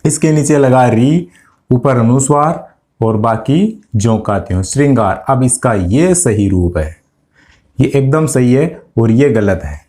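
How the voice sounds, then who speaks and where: Man as a grammar tutor with a warm, mellow tone, patiently walking students through corrections. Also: medium pitch, expressive, measured pace. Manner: explains step by step, asks students questions; addresses students directly. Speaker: Hindi grammar teacher. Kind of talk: exam-prep lesson.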